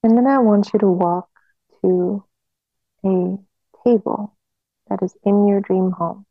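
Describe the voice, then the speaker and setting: Slow hypnotist woman, creaky voice, phone-like sound. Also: medium pitch, steady tone, no room sound. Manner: slow, soothing hypnotist delivery with long pauses. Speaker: hypnotherapist guiding a visualization. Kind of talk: guided hypnosis relaxation.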